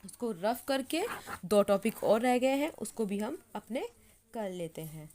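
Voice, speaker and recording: Slow patient woman teaching spelling. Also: mid-range voice, lively intonation, warm tone. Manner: repeats words slowly while writing, says "ठीक है" often. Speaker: English teacher. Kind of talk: slow explanatory lesson.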